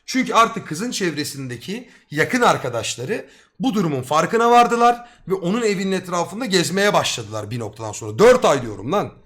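A young man tells a long personal story to his live stream audience, his voice sitting a little on the high side. He talks in loose street slang and swears freely, getting excitable as he goes. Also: brisk. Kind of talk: casual storytelling to a live chat.

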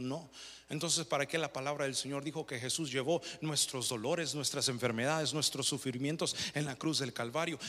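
A man preaching a sermon, shifting between quiet questions to the congregation and loud, fervent retellings of scripture. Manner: rising to loud, high fervor when retelling scripture. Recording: long reverb of a large hall.

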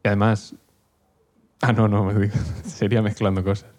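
Low-voiced young man joking. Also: level tone, normal speed, a little mellow. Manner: teasing, joking, laughs often. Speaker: podcast co-host. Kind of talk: casual chat.

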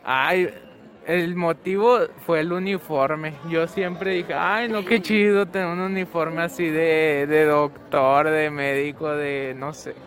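A teenage boy with a notably high voice answers interview questions outdoors at his school. He rambles casually, full of fillers, and gets animated when he tells a story. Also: slow pace. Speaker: student interviewee. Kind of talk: casual chat.

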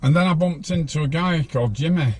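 A man's voice: fairly high pitch, fairly quick, darkish tone. A man, telling his life story bluntly as an interview guest. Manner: rambling, blunt, laughs while telling.

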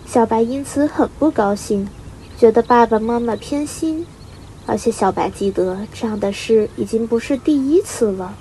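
A teenage girl reading a children's story aloud, steady and expressive, as a student reader. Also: on the high side, normal speed, a little hiss or hum, rough recording. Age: teens. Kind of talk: storybook narration.

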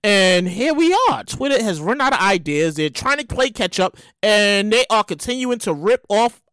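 A woman in her thirties ranting casually on her own, animated and exclamatory, swearing freely and repeating words as she builds up steam. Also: medium pitch, moderate pace, clear, resonant tone, no room sound, studio quality. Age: 30s. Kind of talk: casual rant monologue.

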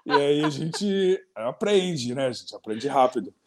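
A man with a Brazilian Portuguese accent hosting a casual interview, lively and laughing, talking straight to viewers. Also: mid-range voice, unhurried. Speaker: interview host.

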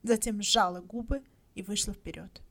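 A woman reading a short story aloud as narrator, measured and sometimes hushed. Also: mid-range voice, fairly even intonation.

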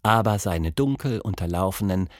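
A man hosting a children's audio show and reading a story aloud in an expressive, unhurried way. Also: low-pitched, dry recording, studio quality. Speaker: host and storyteller.

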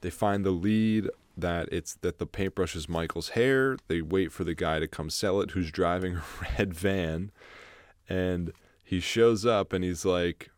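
A man's voice: deep voice, measured pace, no room sound. A young man co-hosting a podcast, casually retelling a film's plot in a rambling, profane way with frequent laughs. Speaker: podcast co-host. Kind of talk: casual film discussion.

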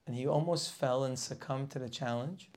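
A man teaches a weekly Torah class, preaching passionately and firing off rhetorical questions, now and then dropping to a near whisper. His voice is medium-pitched with a darkish tone, at a normal speed.

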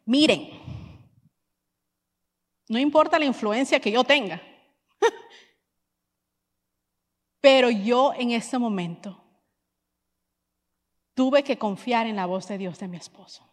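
A woman delivers a sermon as a lively personal story, slipping English phrases into her speech. Her voice sits a little high and carries the long reverb of a church hall. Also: takes it slowly, long pauses. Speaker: pastor's wife and preacher.

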